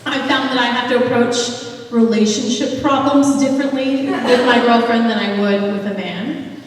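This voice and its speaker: A young woman performing a stand-up set at a small club, with a slow deadpan delivery full of ums and little chuckles. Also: on the high side. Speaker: stand-up comedian. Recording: roomy echo from a distance.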